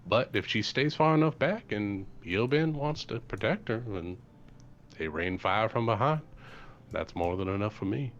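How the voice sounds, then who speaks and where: A man voicing a calm, thoughtful woman adventurer who speaks deliberately with many pauses. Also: lowish voice. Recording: slightly dull with faint noise.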